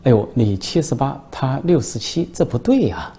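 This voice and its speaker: A man's voice: medium pitch, big pitch swings, moderate pace, dark tone, voice pushed up. A man voicing an eager newspaper reporter in a told joke, fawning and easily surprised.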